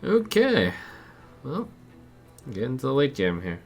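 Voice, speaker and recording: A man's voice: deep voice, normal speed. A man giving casual, understated commentary on a video game, thinking aloud as he plays. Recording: loud game music behind voice. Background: video game music.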